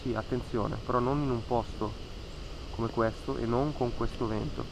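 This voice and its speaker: Over background noise, a man in his thirties gives reflective voice-over for his fishing vlog at a moderate, steady pace. His creaky voice sits mid-range, and he warns earnestly, repeating words to stress them, while outdoors by a wooded lake.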